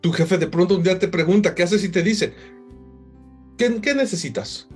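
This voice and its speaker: Male pastor, husky, fairly high voice, animated sermon delivery, faint music under. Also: fast.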